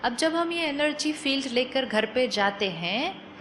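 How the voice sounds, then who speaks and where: A woman giving a calm, persuasive spiritual talk to a live audience, often asking questions and mixing in English phrases. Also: sits high, unhurried, slight background noise. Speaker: spiritual speaker.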